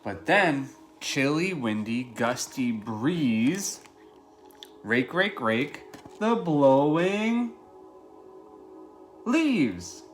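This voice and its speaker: A preschool teacher in his thirties reads a picture book aloud in a home living room, talking simply and directly to young children with questions and easy explanations. His medium-pitched voice swings widely, stretching out words and pausing often. Faint music plays in the background.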